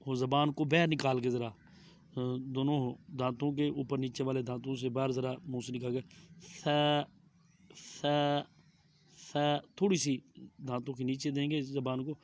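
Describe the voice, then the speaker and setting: A middle-aged man with a Pakistani Urdu accent gives a Quran reading lesson at a measured, unhurried pace. His voice stays flat and steady at a middle pitch, and he draws every letter out with care. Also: no room sound. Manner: drawn-out careful letter pronunciation, monotone delivery. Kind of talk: slow methodical recitation lesson.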